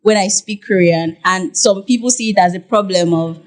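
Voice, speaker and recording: Animated Nigerian woman explaining. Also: medium pitch, normal speed. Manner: animated, explanatory, many "like" fillers. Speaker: guest, content creator. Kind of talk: podcast interview.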